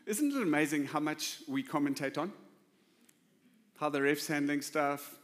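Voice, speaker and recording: A male pastor preaching with emphasis, his voice sitting a touch high for a man. He keeps it conversational and often throws questions at the congregation. The sound carries a long reverb from a large church hall. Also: unhurried. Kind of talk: sermon.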